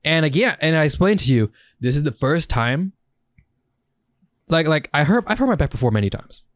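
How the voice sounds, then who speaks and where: A man's voice: a little high, normal speed, no room sound. A young man co-hosting a podcast, telling casual stories with lots of swearing and acted-out reactions. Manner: animated storytelling, swears a lot, acts out his own reactions. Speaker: podcast co-host. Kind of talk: casual chat.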